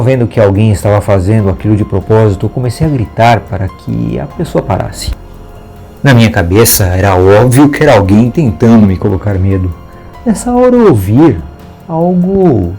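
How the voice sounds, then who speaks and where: Male horror narrator, low-pitched, dramatic first-person telling over soft background music.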